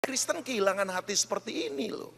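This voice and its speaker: A man preaching a sermon as pastor, telling stories and rising to shouts. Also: high-pitched, lively intonation, fast talker, creaky, husky. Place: large church hall. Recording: echoey church hall.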